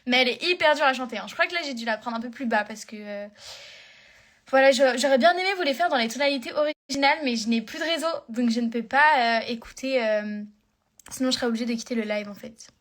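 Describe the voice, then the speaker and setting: On a live phone stream, a young woman chats loosely with fans in a fairly high, fairly bright voice. She talks at a quick pace, rambling with plenty of fillers and restarts, and the conversation stays casual throughout.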